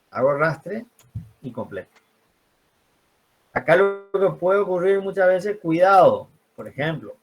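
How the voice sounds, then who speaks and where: A man's voice: on the high side, breathy edge. A man teaching a spreadsheet class, explaining step by step in a patient way and often asking the class questions.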